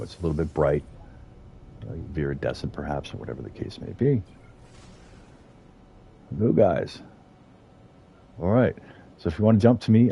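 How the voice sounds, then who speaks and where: A middle-aged man with a low voice rambles through casual gameplay commentary while streaming a game, dropping fillers and small chuckles. The recording has its highs cut off.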